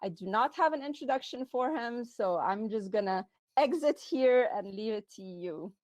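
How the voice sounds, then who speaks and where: A woman moderator briskly reading a speaker's introduction, with a few fillers. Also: on the high side, animated, a little mellow, no room sound.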